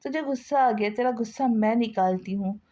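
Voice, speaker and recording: A woman's voice: fairly high pitch, a little fast, dark tone, natural voice. A woman voicing a short-tempered middle-aged mother scolding her daughter. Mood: angry scolding. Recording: slightly dull lo-fi sound.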